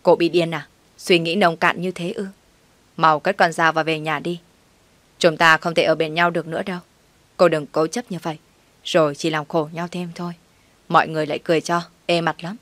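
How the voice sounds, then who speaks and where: A woman's voice: low voice, level tone, fairly quick, a bit bright, no room sound. Woman voicing a cold, curt husband. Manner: curt, scolding. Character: cold, harsh young husband walking out.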